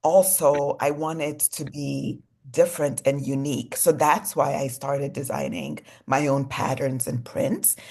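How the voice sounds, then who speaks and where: A low-pitched young woman from Congo chats easily as a guest in an interview. She speaks in loose, relaxed sentences, leaning on "you know" and "like" as she explains her work. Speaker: fashion designer guest. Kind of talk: casual interview chat.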